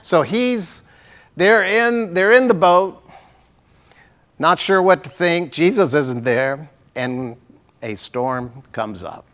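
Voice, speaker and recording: A man's voice: on the high side, takes it slowly, long pauses, a bit bright. A male pastor giving a sermon in a church, conversational and asking the congregation questions. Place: church sanctuary.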